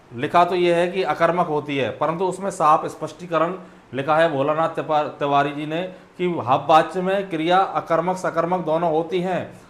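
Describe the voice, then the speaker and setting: Slightly high-voiced man teaching a class. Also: roomy sound. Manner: explanatory, asks and answers his own questions; clears throat and coughs now and then. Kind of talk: exam solution lecture.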